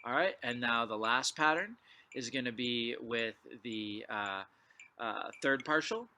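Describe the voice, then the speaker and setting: A man's voice: medium pitch, a little slow, heavy background noise. A man teaching a drumline clinic, explaining exercises and calling count-offs before he plays. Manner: counts off loudly before playing. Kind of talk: percussion lesson.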